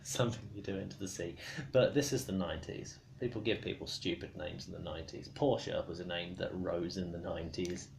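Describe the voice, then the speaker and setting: A drunk man giving a rambling, casual explanation, halting and stumbling over his words, argumentative. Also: low-pitched, steady tone, gravelly, a little hiss or hum. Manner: swears casually. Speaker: storyteller explaining comic book lore.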